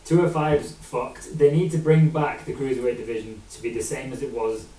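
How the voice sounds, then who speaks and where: A man's voice: medium pitch, moderate pace, dark tone. A man co-hosting a podcast, talking bluntly and swearing often in casual chat. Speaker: podcast co-host. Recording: roomy, distant mic.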